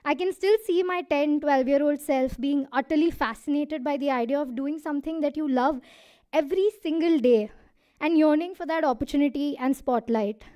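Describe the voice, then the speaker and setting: A woman's voice: sits high, normal speed, warm tone. A young woman in her twenties with an Indian English accent giving a prepared thank-you speech on a hall stage, out of breath and earnest. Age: 20s. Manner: earnest, laughs between lines.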